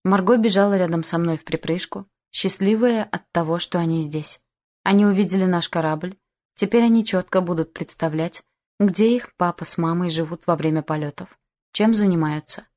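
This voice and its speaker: A woman narrating an audiobook in the first person, with calm, even storytelling. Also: fairly low pitch, normal speed.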